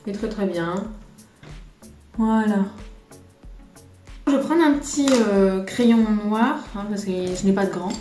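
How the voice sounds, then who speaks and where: Recorded in a roomy room with soft music behind her, a Frenchwoman rambles through a relaxed makeup tutorial on a tripod camera, teasing herself along the way. Her mid-range, mellow voice moves slowly, with frequent pauses.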